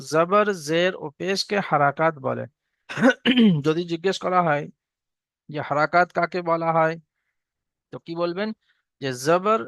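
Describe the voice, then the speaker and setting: A man teaching a slow recorded lesson, drawing out each letter and vowel mark for students to repeat. His voice sits high and sounds smooth and clear. The sound is close and dry. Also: a bit bright, no echo. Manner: patient, repetitive drilling with call-and-repeat; clears throat often. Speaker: Quran reading teacher.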